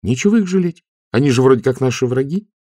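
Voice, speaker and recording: A man's voice: medium pitch, expressive, quick pace, warm tone, no room sound, studio quality, pitched above the performer's own voice, lightly acted. A man reading an audiobook, voicing a young woman werewolf guard who speaks drily and teasingly. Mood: wry.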